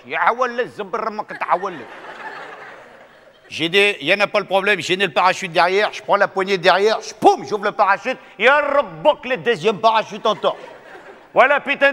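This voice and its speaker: A man's voice: high-pitched, in a large hall. A man putting on an eager naive recruit in broken French. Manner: broken grammar, excited exclamations.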